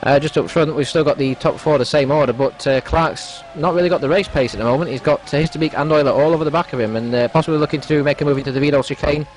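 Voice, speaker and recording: Quick-talking male motorsport commentator. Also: on the high side, a little hiss or hum, rough recording. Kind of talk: live race commentary.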